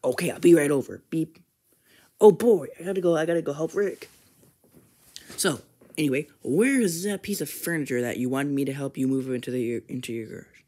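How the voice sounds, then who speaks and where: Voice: mid-range voice, animated, warm tone, natural voice. Brief: a fan doing a jumpy, whiny teddy bear guy for a plush toy skit, always pleading. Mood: nervous. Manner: jittery, pleading, quick to panic. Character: nervous, put-upon male teddy bear sidekick.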